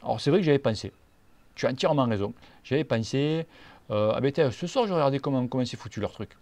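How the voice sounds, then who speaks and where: Southern french guy, gravelly voice, jokey and blunt, reads out viewer questions and answers them. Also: medium pitch, expressive, fast talker, darkish tone, dry recording. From Catalonia, near Perpignan. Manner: blunt, joking, slangy. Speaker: cycling channel host.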